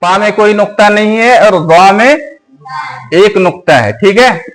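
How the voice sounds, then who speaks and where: A man teaching Quran letters, asking questions and repeating each letter slowly and patiently. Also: sits high, a bit bright, poor audio.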